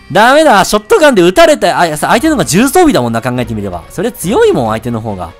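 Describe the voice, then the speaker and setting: A man commentating his own gameplay, excitable, yelping and swearing at enemies. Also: sits high, fast. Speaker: let's-play gamer. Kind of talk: live game commentary. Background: game audio and music.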